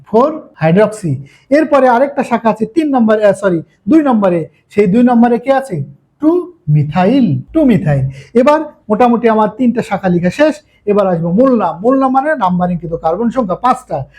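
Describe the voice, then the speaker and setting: A man with a high, slightly mellow voice gives a classroom chemistry lecture. Speaking as the teacher, he works through the material step by step and often checks that his students are keeping up.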